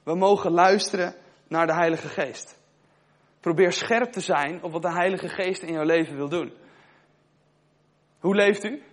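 A man's voice: sits high, measured pace, long pauses. A young man giving a sermon in a conversational way, asking his listeners questions and telling a personal story. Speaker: preacher.

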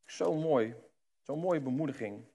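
A man preaching a sermon, addressing the listeners directly and swinging between hushed and loud. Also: medium pitch, measured pace, creaky.

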